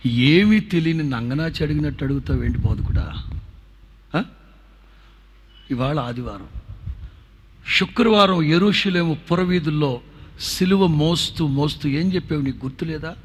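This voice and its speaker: A man's voice: a little high, moderate pace, pauses often, slight background noise, natural voice. A man doing a blunt, scolding Mary Magdalene. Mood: indignant. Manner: exasperated, familiar and scolding. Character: Mary Magdalene, grieving devoted woman, pleading and blunt.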